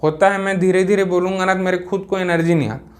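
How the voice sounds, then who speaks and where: A man with a high, bright voice teaches an exam coaching class. He drills facts quickly and energetically. He keeps throwing out questions and answering them himself. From Chhattisgarh, India. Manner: asks and answers his own questions, energetic. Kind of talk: fast classroom lecture with quiz-style questions.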